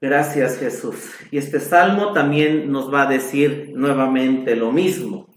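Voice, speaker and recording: Slow, emphatic male preacher in an echoey hall. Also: mid-range voice. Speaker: pastor. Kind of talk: sermon. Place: church hall.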